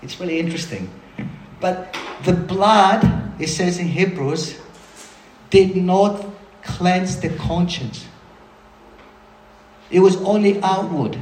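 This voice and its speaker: A man preaching a sermon in a lively, conversational way, breaking off for quick asides to the room. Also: high voice. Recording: roomy hall sound with faint ambience.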